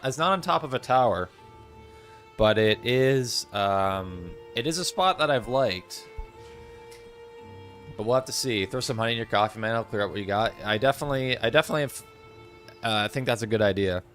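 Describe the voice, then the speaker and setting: A man's voice: medium pitch, fairly bright tone. A man with a cold and a congested voice, chatting casually with viewers as he streams a game. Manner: chatty, rambling, greets chat by name. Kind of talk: casual live-stream chat.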